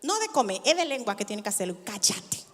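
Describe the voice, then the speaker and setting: A woman pastor preaching a sermon in a church, expressive, with humor and sarcasm. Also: medium pitch, brisk, slight background noise. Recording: church hall reverb.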